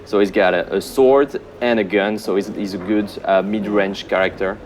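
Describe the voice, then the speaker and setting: A senior game producer answers questions in a fairly low voice, relaxed and easygoing, with frequent ums and uhs. He slips in some dry, self-mocking humor. A slight hiss or hum sits under the recording.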